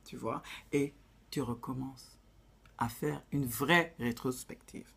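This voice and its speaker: Woman, African accent, husky, blunt, preachy, casual advice vlog. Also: a bass voice, slow. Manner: blunt and direct, mixing in English phrases. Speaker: vlogger giving relationship advice.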